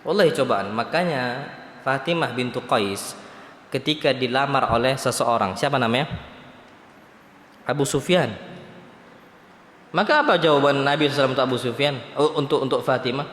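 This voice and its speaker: A man's voice: medium pitch, brisk, long pauses, fairly bright tone, slight background noise. A man preaching a sermon in a large mosque with a Palembang-region Indonesian accent, asking his audience questions and answering them himself, and quoting Arabic before translating it. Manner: quotes Arabic then translates. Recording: echoey mosque hall.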